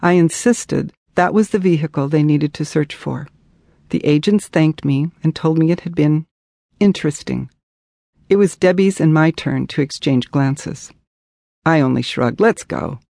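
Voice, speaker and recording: A woman narrating her own memoir as an audiobook, measured and earnest. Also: deep voice, vocal fry, warm tone, dry recording, clean studio sound.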